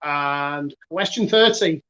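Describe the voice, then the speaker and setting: A man's voice: on the high side, takes it slowly, pushed and bright, highs cut off. A man with a Northern English accent hosting a casual online quiz, chatty and self-mocking, with lots of fillers. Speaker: quiz host.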